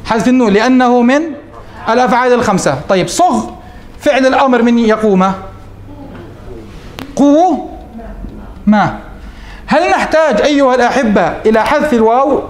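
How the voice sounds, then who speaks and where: A man's voice: very high-pitched, fast, roomy sound. A man teaching morphology, quizzing his students and answering himself. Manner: questions students and answers himself, repeats rules. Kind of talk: classroom lesson.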